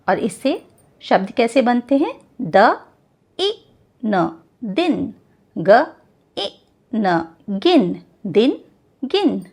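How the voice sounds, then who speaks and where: A woman teaching a Hindi grammar lesson, spelling out each syllable slowly before saying the whole word. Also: a little high, darkish tone.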